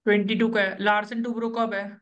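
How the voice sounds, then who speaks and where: A man's voice: high-pitched, little pitch movement, brisk, fairly bright tone, highs cut off. Directive male coach on a video call. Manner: directive, keeps checking understanding. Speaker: interview coach.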